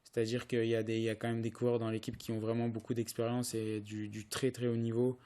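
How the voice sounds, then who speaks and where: Young man, cyclist guest, hesitant answers, monotone, dark tone. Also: mid-range voice, quick pace. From France. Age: young adult. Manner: hesitant, many restarts and fillers. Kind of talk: casual interview answers.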